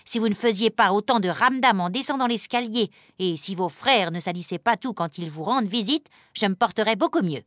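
A woman's voice: fairly quick, few pauses, a bit bright, no echo, clean studio sound, close to an everyday voice. A woman voicing a fussy, irritable male rabbit who exclaims and scolds in a raised voice, in a storybook reading. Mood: irritated. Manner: high-strung, exclaiming, scolding.

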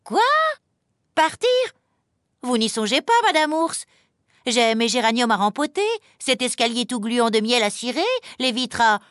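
A woman's voice: measured pace, fairly bright tone, dry recording, studio quality. A woman voicing a fussy, irritable male rabbit who exclaims and scolds in a raised voice, in a storybook reading. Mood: irritated. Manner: high-strung, exclaiming, scolding.

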